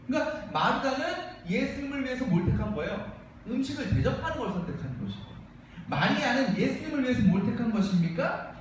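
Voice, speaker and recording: A man's voice: extremely high pitch, slight background noise. A man preaching a sermon as pastor, asking the congregation questions and acting out the lines of the people he quotes. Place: church sanctuary. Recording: very echoey room, mic far off.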